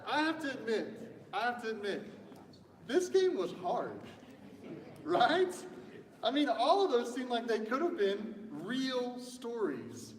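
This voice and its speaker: Guy preaching, chatty and jokey, kinda high voice, far off in a big echoey church. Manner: chatty storyteller, acts out quotes. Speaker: pastor. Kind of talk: casual sermon with audience banter. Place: church sanctuary. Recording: echoey church hall from a distance.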